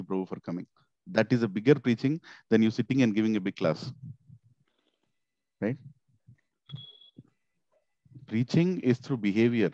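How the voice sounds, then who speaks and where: A man's voice: mid-range voice, no room sound. South Indian man preaching, slightly dull dry audio. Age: middle-aged. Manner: animated, repetitive, posing rhetorical questions. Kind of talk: informal satsang sermon. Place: small indoor office. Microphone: headset.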